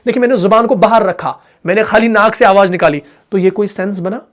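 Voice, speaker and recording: A man teaches Quran recitation in a patient explanatory lesson. He repeats each point, asks whether it is clear, and voices the sounds himself. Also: high voice, fairly even intonation, fast. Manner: demonstrates sounds aloud.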